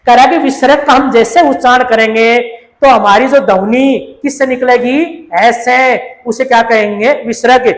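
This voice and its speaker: High-pitched woman teacher, quizzes then answers herself, echoey room. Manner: asks questions and answers them herself, repeating key terms. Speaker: grammar teacher. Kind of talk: classroom grammar lecture.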